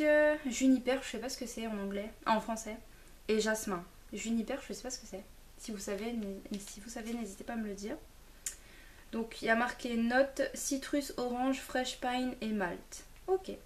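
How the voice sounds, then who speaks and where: A young woman vlogging a casual unboxing at home, chatty and hesitant with lots of fillers, a little far from the camera. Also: on the high side. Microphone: camera mic, a little far.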